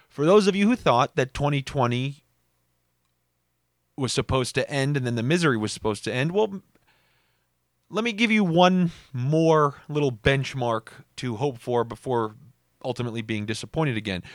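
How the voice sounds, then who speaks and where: A man talks through his weekly podcast in a casual, wry monologue. He drops sarcastic asides and leaps up in pitch to make a point. The sound is dry with no room echo. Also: sing-song, measured pace, long pauses. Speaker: podcast host.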